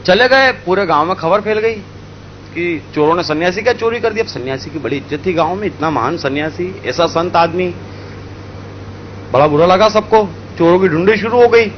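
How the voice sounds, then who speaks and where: A man from India telling a spiritual story in an animated way, acting out the characters. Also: sits high, moderate pace, dull audio, a little hiss or hum. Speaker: spiritual speaker. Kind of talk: storytelling talk.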